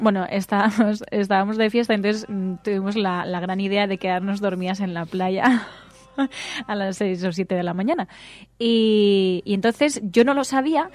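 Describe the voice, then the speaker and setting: Chatty radio co-host woman. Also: mid-range voice. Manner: lively anecdote telling, reads listener messages. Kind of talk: casual radio chat.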